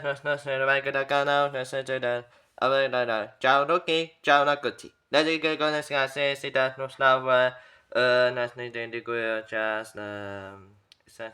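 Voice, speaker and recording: Halting man with a bright, clear voice. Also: medium pitch. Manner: halting, repetitive, trailing off. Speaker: video uploader commenting on an old TV recording. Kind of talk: rambling casual commentary.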